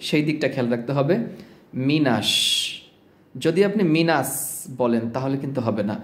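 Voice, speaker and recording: A man's voice: medium pitch, moderate pace, darkish tone, echoey room. A man giving a pronunciation lesson on Quran recitation, who explains patiently, repeats single sounds and draws out his chanted examples.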